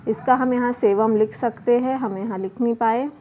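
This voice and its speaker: A woman teacher going slowly through a children's worksheet, spelling words letter by letter and answering her own questions. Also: fairly high pitch, fairly even intonation. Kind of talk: slow worksheet lesson for children. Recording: muffled home video with faint noise.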